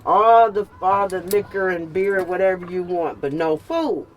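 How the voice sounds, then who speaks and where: An older woman chatting casually and telling stories in an animated, emphatic way, repeating phrases for comic effect. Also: fairly low pitch, measured pace. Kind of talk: casual storytelling chat. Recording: noisy with clear vehicle and street sound.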